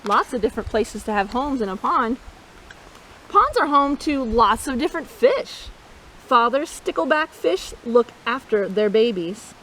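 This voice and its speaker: Playful and expressive, this high-voiced nature educator reads to kids a little slowly, questioning her listeners and mimicking animal sounds between asides during storytime. The audio is poor, with slight background noise.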